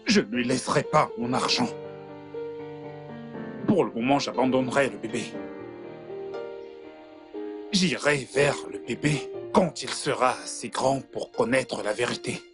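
A man's voice: mid-range voice, a little slow, long pauses, music in the background, lightly acted. Man voicing a broke young boyfriend, stammering, pleading, French film dub.

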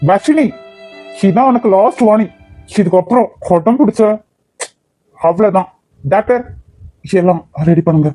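A woman's voice: mid-range voice, lively intonation, moderate pace, pauses often, mellow, dry recording, faint music behind, lightly acted. A woman voicing a worried young husband in a cartoon drama, stern and pleading in Kanyakumari Tamil. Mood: stern worry. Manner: stern, pleading with his wife. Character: worried young husband, firm but loving.

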